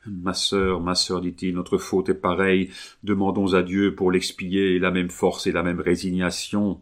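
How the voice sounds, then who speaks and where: A despairing young man torn by a forbidden love, read by a man with a very low voice. He pleads and protests in anguish. The voice carries the grave torment of an audiobook scene. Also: monotone, measured pace. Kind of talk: audiobook reading.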